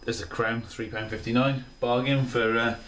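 In a steady, mid-range, slightly bright voice at normal speed, a tired beer reviewer in his thirties rambles with casual enthusiasm in his small kitchen. Recorded on a camera mic a few steps back, the audio is roomy and off-mic, carrying a little hiss or hum.

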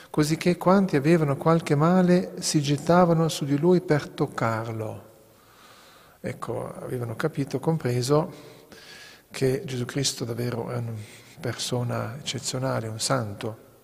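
A man, a priest, giving a homily at Mass in a measured preaching manner, often repeating words as he goes. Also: medium pitch, creaky, darkish tone, slightly rough. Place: sanctuary church. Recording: echoey church with long reverb.

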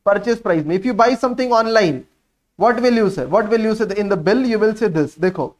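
A man's voice: high voice, a little fast, a little mellow. A man in his thirties with a North Indian accent and Hindi as his first language, coaching a class through exam problems, repeating key phrases, asking himself questions and slipping Hindi words into his English. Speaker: accountancy teacher.

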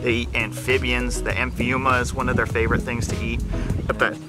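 A man's voice: mid-range voice, level tone, brisk. A young man informally explaining wildlife outdoors, leaning on repeated words and casual hesitations, picked up by a camera a few feet away. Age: young adult. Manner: hesitant, repetitive emphasis, says like often. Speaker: snake presenter in a wildlife vlog. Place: outdoors at night. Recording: loud music behind outdoor speech.

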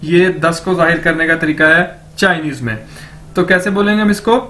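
A man's voice: on the high side, normal speed, pushed and bright, slight background noise. A man teaching a beginner language lesson, patiently explaining pronunciation and repeating each word several times.

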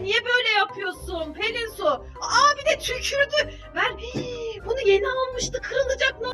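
A mother with a very high, bright-sounding voice. She exclaims and scolds in a staged family skit filmed at home. Soft music plays faintly underneath. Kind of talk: staged family skit, talking to her child.

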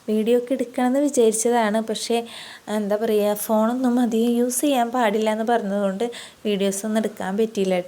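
Soft-spoken young mother, mellow voice. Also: medium pitch. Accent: Keralan Malayalam. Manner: soft, chatty, often adds a friendly tag to her sentences. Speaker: vlogger, mother of two. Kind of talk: dubbed vlog voice-over. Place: room at home with a baby beside her.

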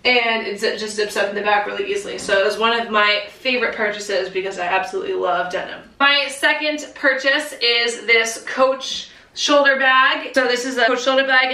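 Upbeat young female vlogger, fairly high voice, casual filler-heavy chat, echoey empty room. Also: pushed and bright. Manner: chatty, lots of "like" and "um". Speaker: fashion vlogger. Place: half-empty room under renovation. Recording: echoey bare room, voice far from mic.

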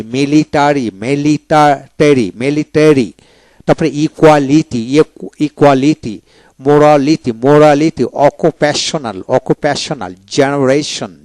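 Man slowly drilling English words. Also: on the high side, darkish tone, no room sound. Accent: Bangladeshi. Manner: slow, careful repetition of each word. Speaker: English pronunciation teacher. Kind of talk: pronunciation drill, reading words twice.

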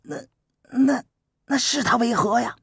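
A man's voice: measured pace, slightly rough, no room sound, studio quality, exaggerated voice. Man doing a stammering timid young prince. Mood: nervous. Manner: stammering, hesitant, higher and quiet.

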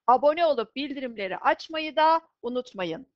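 A woman teaching an English vocabulary lesson, slowly and clearly pronouncing each word twice for students to repeat. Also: high-pitched, animated, no echo, lo-fi sound.

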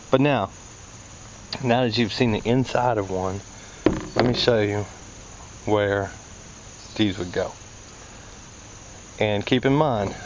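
Medium in pitch, with vocal fry and a darkish tone, this HVAC technician explains parts hands-on in a relaxed, folksy manner, thinking aloud. He's outdoors by a scrap pile in a yard, filming on a handheld camera amid the noise of insects.

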